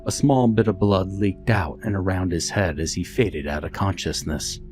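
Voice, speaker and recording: A man reading a scripted horror story in a steady, measured storytelling voice. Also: low-pitched. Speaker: narrator. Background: faint background music.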